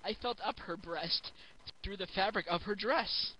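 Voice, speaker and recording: A man's voice: high-pitched, a little slow, pushed and bright, low-quality recording. A giggly drunk man reading a story aloud for comedy, stumbling over the text and throwing in mocking asides.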